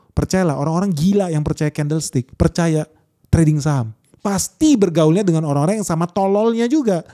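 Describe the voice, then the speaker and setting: A man's voice: sits high, mellow. A man giving money advice in a blunt, brash, slangy monologue. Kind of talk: casual monologue.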